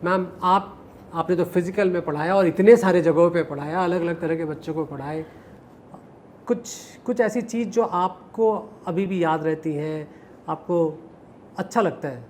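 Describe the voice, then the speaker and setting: A male host asking teachers about their experiences, quick in his questions and attentive while listening. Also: a little high, a little mellow, slight background noise. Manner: attentive, quick questions with many brief "hmm" replies. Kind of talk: interview questions.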